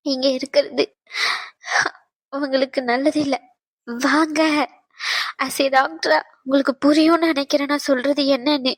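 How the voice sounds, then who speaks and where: A woman voicing a calm, firm young fiancée. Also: sits high, dry recording. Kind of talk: animated drama dub.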